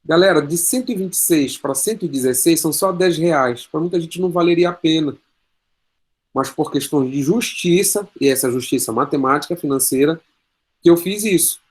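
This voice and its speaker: Brazilian male teacher, slightly high voice, chatty online lecture with told anecdotes. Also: moderate pace. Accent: Brazilian Portuguese. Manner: storytelling with quoted dialogue, explains with calculator.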